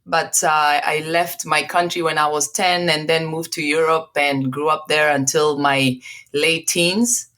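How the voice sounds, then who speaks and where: A woman's voice: low voice, steady tone, unhurried, fairly bright tone. A woman from Tanzania, a podcast guest, talking casually about her background and laughing often. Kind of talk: casual interview chat.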